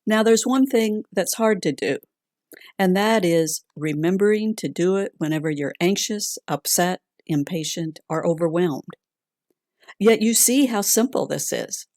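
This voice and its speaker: A woman guides a calm grounding exercise in a fairly low voice with a noticeably creaky edge. She speaks gently and deliberately, as an instructor giving soothing guidance. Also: no echo, clean studio sound. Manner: slow, gentle, deliberate with long pauses.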